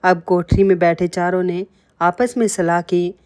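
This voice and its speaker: A woman with a low-set voice narrates a moral folk tale. Her delivery is scripted and steady, in the manner of a storyteller. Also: a little slow.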